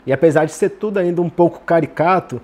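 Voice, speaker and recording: A man's voice: on the high side, fast talker, darkish tone. A man with a Brazilian Portuguese accent giving casual literary commentary, tagging nearly every phrase with "né".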